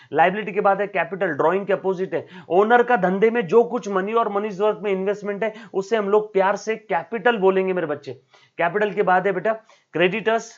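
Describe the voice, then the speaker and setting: A high-voiced man teaches accounting in a recorded lecture and speaks to his students fondly, as if to his own children. He switches between Hindi and English terms and keeps checking in with "yes or no?". The sound is dull and lo-fi. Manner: calls students "beta" and "my child", asks "yes or no?".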